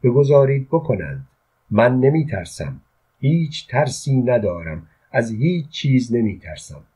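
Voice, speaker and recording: A man reading the part of an unhappy, defiant young queen in an audiobook, in an earnest, quietly intense way with a husky voice. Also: mid-range voice, sing-song.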